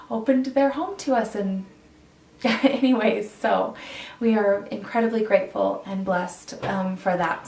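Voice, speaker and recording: A woman's voice: medium pitch, a little hiss or hum. A woman in her thirties chatting casually to camera as a vlogger, earnest and rambling with frequent ums and restarts. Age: 30s. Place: indoors in a borrowed home. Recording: roomy sound from a distant mic.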